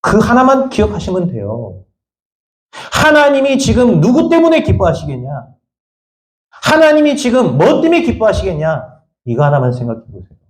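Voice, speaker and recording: A man preaching a sermon in a church sanctuary, his fairly high voice leaping up and down as he presses the congregation with question after question. He rises to loud high peaks, then drops to low quiet asides. The room around him rings with echo. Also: huge pitch swings, moderate pace. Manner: emphatic, fires repeated rhetorical questions at the congregation; swings between raised high lines and low quiet asides. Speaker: pastor.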